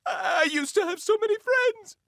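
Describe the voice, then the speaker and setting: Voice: mid-range voice, huge pitch swings, slow pace, bright, forceful tone, dry recording, studio quality, exaggerated voice. A performer voicing a melodramatic, boastful young male wizard who swings from grand speeches to sobbing.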